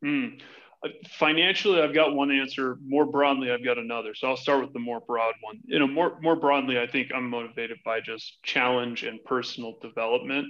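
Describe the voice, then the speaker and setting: Appearing as a podcast guest, a man in his thirties who directs financial advisory work and hails from Hawaii in the US answers in a conversational American accent. His voice is medium in pitch, steady and fairly bright, going fairly quickly, and the highs are cut off.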